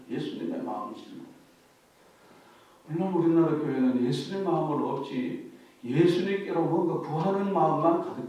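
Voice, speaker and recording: A male pastor preaching a sermon, putting rhetorical questions to his congregation and dropping to a hush for quoted words. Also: sits high, heavy reverb, far from the mic, rough recording. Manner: animated preaching, softening to a hush when quoting Jesus.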